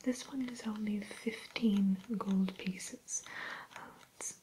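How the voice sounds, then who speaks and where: A woman playing a haughty evil fairy-tale queen turned shopkeeper in a breathy ASMR whisper, speaking in a genteel, unhurried way. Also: medium pitch, steady tone, mellow, a little hiss or hum, lightly acted, low-quality recording. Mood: genteel, disdainful. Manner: genteel, aloof, unhurried, hesitant pauses.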